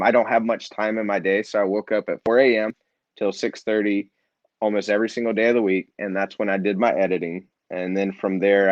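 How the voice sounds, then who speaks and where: No room sound here, just a somewhat low male voice with the highs cut off. As an interview guest, the nonprofit founder and author discusses his organization and book earnestly and thoughtfully, restarting often.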